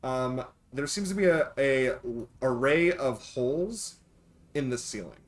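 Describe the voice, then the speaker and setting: A man's voice: medium pitch, expressive, unhurried. A man acting as game master, narrating a tabletop game casually and often thinking aloud with some hesitation.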